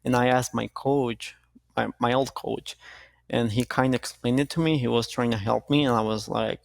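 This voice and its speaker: Gravelly-voiced young man in a dry interview. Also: mid-range voice, dry recording. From Costa Rica. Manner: relaxed, halting, with restarts. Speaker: jiu-jitsu athlete, guest. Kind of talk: casual interview answers.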